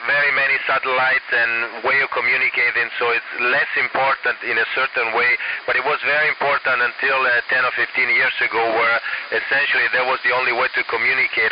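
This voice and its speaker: Man talking over crackly ham radio. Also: medium pitch. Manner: halting, full of uh fillers, signs off each answer with over. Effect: ham radio transmission, walkie-talkie style. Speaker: astronaut answering questions over ham radio. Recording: lo-fi radio link with loud static.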